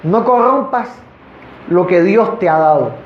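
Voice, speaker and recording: High-voiced man preaching in an echoey church. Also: animated, a little slow, a little hiss or hum. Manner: preaching to a congregation with rhetorical questions. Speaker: pastor. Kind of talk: sermon. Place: church in front of a congregation. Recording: echoey, dull church recording.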